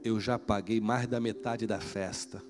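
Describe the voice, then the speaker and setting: A man voicing a worried young male churchgoer who is engaged to marry, speaking in a quieter, pleading tone. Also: fairly low pitch, fairly even intonation, measured pace, music in the background, voice pushed down, close to an everyday voice.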